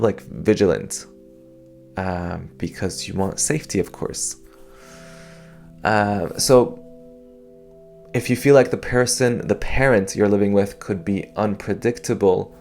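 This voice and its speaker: Musing over personal experience on his podcast, a young man from Canada speaks in a low, slightly mellow voice. He hesitates often, restarting sentences and filling gaps as he thinks things through.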